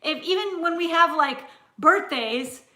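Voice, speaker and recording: A woman hosting a casual live-stream chat, frank and chatty and quick to laugh, talking from home. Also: extremely high pitch, lively intonation, bright, forceful tone. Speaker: cooking channel host. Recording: roomy echo.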